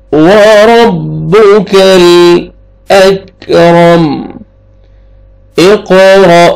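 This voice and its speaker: A man with a Pakistani Urdu accent teaching Quran recitation, drawing out the verses slowly between quicker spoken explanations. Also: a little high, gravelly, darkish tone, rough recording. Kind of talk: recitation lesson with slow chanted verses.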